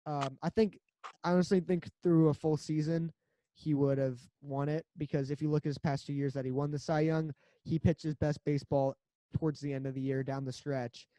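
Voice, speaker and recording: A man's voice: a little high, level tone, brisk, warm tone, dry recording. A man co-hosting a casual sports podcast, rambling and joking as he chats. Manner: rambling, joking, laughs often. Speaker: podcast co-host.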